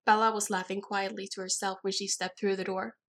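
A woman narrating a novel in a steady, even storytelling manner. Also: mid-range voice, fairly quick. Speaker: audiobook reader. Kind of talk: scripted narration.

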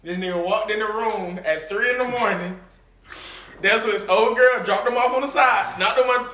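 A man's voice: high-pitched, moderate pace, sharp tone. A man in casual chat with friends, teasing and profane, laughing often. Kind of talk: casual chat, telling a story. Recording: echoey, noisy room with clicks.

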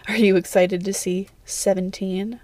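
A woman's voice: on the high side, steady tone, brisk, gravelly, dark tone, husky, no echo. Woman reading as a teasing young wizard. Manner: playful, teasing. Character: teasing young male wizard, grinning joker. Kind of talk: fan fiction audiobook.

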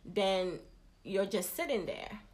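A woman's voice: medium pitch, expressive, slow, darkish tone. A woman in a casual conversation, speaking emphatically and giving advice drawn from her own experience.

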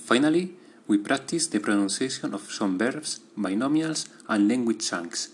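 A man, a student, reading out a prepared class diary in a steady, methodical way. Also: mid-range voice, moderate pace, a little hiss or hum.

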